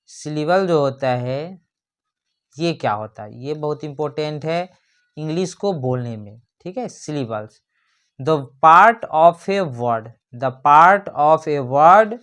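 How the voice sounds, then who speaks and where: A teacher in an explanatory lesson who talks at a slow, unhurried pace. Definitions come out drawn-out and deliberate, then get broken down with rhetorical questions. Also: mid-range voice, a bit bright. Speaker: English grammar teacher.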